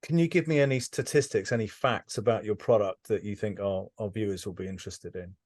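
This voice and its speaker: A man's voice: fairly low pitch, fairly quick, a little mellow, dry recording, studio quality. A man hosting a business interview, enthusiastic and repeating words as he restarts his questions. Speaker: interviewer, host.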